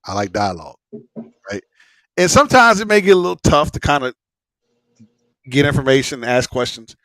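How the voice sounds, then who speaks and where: A man hosts a casual livestream in a mid-pitched voice. He talks in a rambling, repetitive way, full of slang and swearing. The sound is dry, with little room echo. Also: very animated, a little fast, a bit bright. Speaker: host of a live smoke-session stream.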